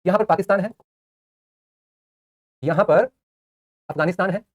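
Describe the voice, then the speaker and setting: A man's voice: sits high, normal speed, highs cut off. A young man teaching a live online class, chatty, joking between facts and repeating answers for students.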